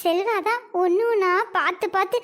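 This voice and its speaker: A woman's voice: very high-pitched, a little fast, a bit bright. A woman acting a chatty, boastful mother who gossips at a temple festival in a comedy sketch.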